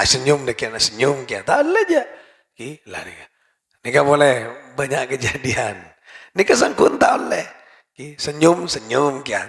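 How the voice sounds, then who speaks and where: Male preacher, fairly high voice with some gravel, gets loud then drops soft, lively mosque class. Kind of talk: mosque study lecture.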